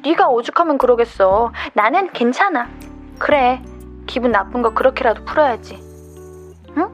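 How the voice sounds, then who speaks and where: A woman voicing a caring young female friend in a scripted radio skit, speaking gently and reassuringly. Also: fairly high pitch, lively intonation, moderate pace, muffled recording, soft background music, close to an everyday voice. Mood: gentle consoling.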